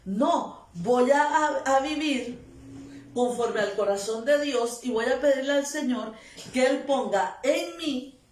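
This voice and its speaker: A woman preaches a sermon in an unhurried, deliberate way, pressing each point with repeated phrases and amens. Her voice sits high. The recording picks her up from some distance in a room with a noticeable echo. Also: darkish tone, slight background noise. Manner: emphatic, repetitive, calls of amen.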